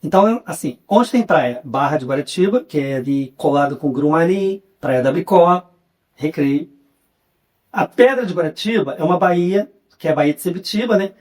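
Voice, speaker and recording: A young adult man with a Carioca accent, a podcast guest who recounts memories in a relaxed, chatty way and often adds a questioning tag. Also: a little high, moderate pace. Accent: Carioca (Rio de Janeiro) Portuguese. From Rio de Janeiro, Brazil. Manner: relaxed storyteller, often ends phrases with a questioning "né". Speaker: guest, journalist and writer. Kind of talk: casual interview chat.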